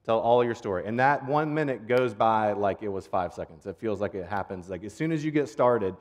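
Preaching in a brisk, animated way, this pastor has a fairly low-pitched voice and keeps things earnest, informal and conversational. He weaves prayer and stories into the sermon, repeating phrases for rhythm, while a long hall reverb colors the sound.

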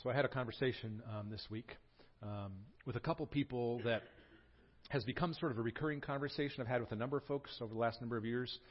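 A pastor in his forties from Southern California, who prays quietly and then preaches in a lively storytelling way with touches of humor. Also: medium pitch, fast, highs cut off. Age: 40s. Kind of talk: sermon.

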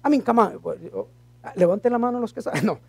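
A man preaching a sermon as pastor, dropping English words into his Spanish and swinging from lively, loud praise to low, quiet talk. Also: brisk, vocal fry, dry recording.

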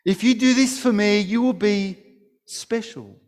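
A cunning rattlesnake pleads and coaxes in a soft, menacing voice, as a man telling a story from the pulpit puts him on. The voice sits fairly high. A long echo trails behind it. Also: unhurried. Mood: pleading. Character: cunning persuasive male rattlesnake.

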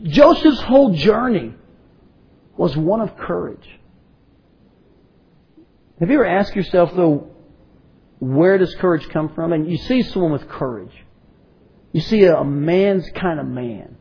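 A man's voice: fairly high pitch, animated, a little slow, creaky, pauses often, husky, muffled recording. A man preaching a sermon to a congregation, asking rhetorical questions and prompting his listeners to respond.

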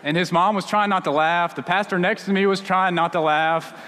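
High-voiced male pastor in reverberant sanctuary. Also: fairly even intonation, a little fast, background noise. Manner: storytelling, conversational with many restarts. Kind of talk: sermon.

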